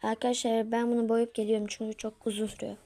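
Chatty woman with a high voice, half-whispering. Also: flat delivery, fast talker, mellow. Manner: chatty, keeps calling out to her friends; drops to a whisper while working. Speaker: tutorial maker. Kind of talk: casual screen tutorial. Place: at home.

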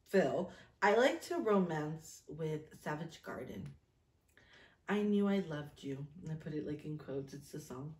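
A vlog host in her thirties, sitting at a table in a small, echoey room, chats casually and reads from an old journal. Her voice sits on the low side with a darkish tone, and she tells her stories in a self-mocking way.

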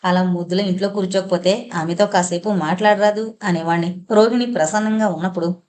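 A woman reading a first-person novel aloud as a narrator, steady and storytelling, lifting her voice for quoted lines. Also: on the low side, brisk. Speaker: audiobook narrator.

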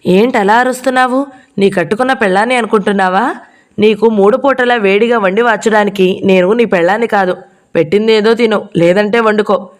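Female narrator as a young woman with a sharp tongue, dismissive and cutting. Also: medium pitch, moderate pace, natural voice. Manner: curt, dismissive retorts. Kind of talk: audiobook character reading.

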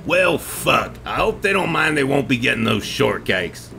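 A man doing a gravelly, grumpy stallion. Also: mid-range voice, very animated, normal speed, sharp tone, faint music behind, heavily acted. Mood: weary. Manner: curt, annoyed, swearing. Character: gruff, impatient large male stallion. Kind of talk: fanfic reading, character voice.

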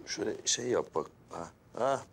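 A man's voice: lowish voice, expressive, moderate pace, creaky. A man in a TV comedy, whining and complaining as he itches. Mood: whiny. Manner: whiny, complaining. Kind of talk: TV comedy acting.

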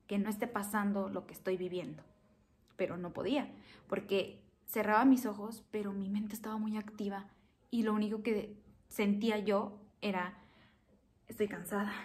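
A woman's voice: mid-range voice, a little mellow. A young woman talking to her viewers, earnest and emotional, recounting a hard personal experience and repeating phrases for emphasis. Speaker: vlogger. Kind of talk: personal storytelling to camera.

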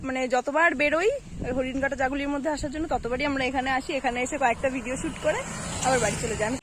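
A woman's voice: sits high, rapid-fire, noisy background. A young woman chatting casually to her viewers in a vlog. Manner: chatty, addresses viewers directly. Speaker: vlogger.

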